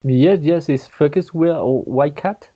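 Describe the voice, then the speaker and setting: A man speaking halting, simple English as a student in an online class, heard over a dull, lo-fi call connection. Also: fairly high pitch, dry recording. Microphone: computer or phone on a video call. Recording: dull, dry lo-fi call audio.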